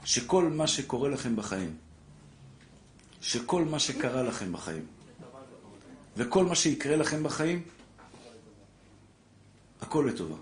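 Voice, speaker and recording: A man, a rabbi, giving an impassioned Torah class to a live audience, calling listeners brother and building to loud exhortation. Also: medium pitch, sing-song, pauses often. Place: lecture room with a live audience. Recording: echoey room with faint background noise.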